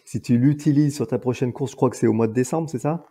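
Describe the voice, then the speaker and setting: Gravelly, mellow-voiced man in his forties. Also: mid-range voice, fast. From France. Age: 40s. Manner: hesitant, many fillers and restarts. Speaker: guest entrepreneur. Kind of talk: casual podcast interview.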